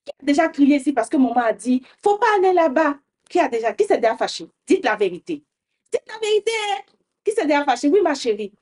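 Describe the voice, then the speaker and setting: Kids' show host, high-pitched woman, gentle questioning teacher. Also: sing-song, quick pace. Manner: gentle, questioning, often adds "hein?". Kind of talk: teaching young children.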